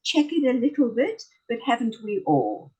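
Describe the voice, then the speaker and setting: A woman's voice: on the high side, huge pitch swings, normal speed, darkish tone, slightly rough, poor audio. A woman with a South African accent hosting an interview over a video call and chatting as she asks questions. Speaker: host. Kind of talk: interview chat.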